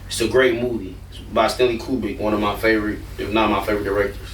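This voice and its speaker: A man's voice: fairly low pitch, flat delivery, fast talker, roomy sound, far from the mic, a little hiss or hum. A man, a rapper, talking casually and bluntly in an interview, rambling and swearing freely.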